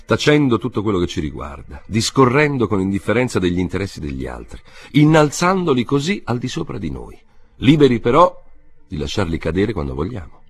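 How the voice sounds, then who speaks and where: A man narrating a literary novel as an audiobook, in a measured, expressive reading. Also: lowish voice, slightly rough.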